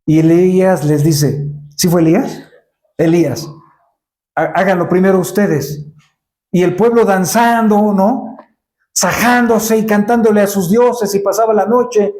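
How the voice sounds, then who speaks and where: A man's voice: high-pitched, steady tone, a little slow, a little mellow, reverberant. A man preaching a sermon in a church, asking the congregation rhetorical questions and acting out Bible scenes.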